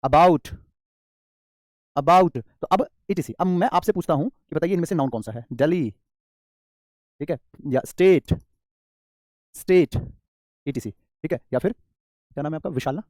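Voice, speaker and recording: A man with an Indian accent teaching English grammar in an online class, calling students "beta" and slowly repeating key terms. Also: fairly high pitch, animated, dark tone, no room sound, clean studio sound.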